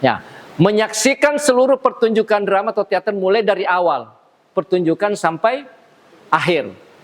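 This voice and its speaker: Man, lively theater lecturer, slightly high voice, echoing hall. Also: normal speed. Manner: lively, acts out stage lines, laughs often. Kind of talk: classroom lecture. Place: lecture room. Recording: long hall reverb.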